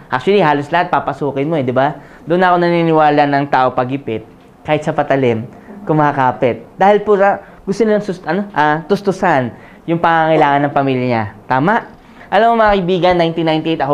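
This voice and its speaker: A man's voice: fairly high pitch, lo-fi sound. A man in his forties giving a live seminar talk, joking and often asking the audience to agree. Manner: conversational, asks the crowd "Tama?" often; jokes and laughs while telling his story. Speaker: motivational speaker.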